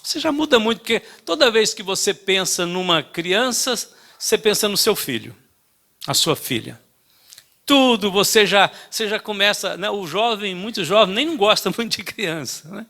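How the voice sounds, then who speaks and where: An older man preaching a sermon, telling a story in an emphatic way with many halting restarts. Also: high voice, expressive, gravelly, bright, forceful tone. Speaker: pastor.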